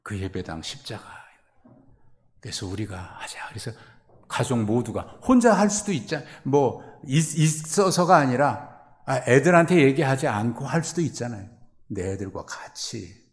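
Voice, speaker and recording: A middle-aged man preaching from the pulpit, his voice gravelly with a rough edge. He sits at an ordinary pitch for a man and breaks into loud, raised lines whenever he acts out what people might say. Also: lively intonation, normal speed. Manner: acts out imagined quotes with sudden loud, high bursts. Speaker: pastor. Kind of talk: sermon.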